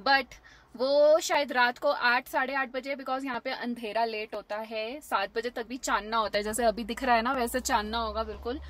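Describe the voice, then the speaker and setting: A woman's voice: sits high, pushed and bright. A woman vlogging a road trip, chatting casually, mixing English phrases into Hindi and laughing often, recorded outdoors in a mountain town. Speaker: travel vlogger. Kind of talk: casual travel vlog. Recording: noisy outdoor background.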